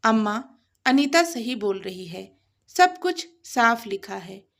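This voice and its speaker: A woman doing a firm, calming young husband. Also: fairly high pitch, slow, gravelly, full character voice. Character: calm young husband, peacemaker.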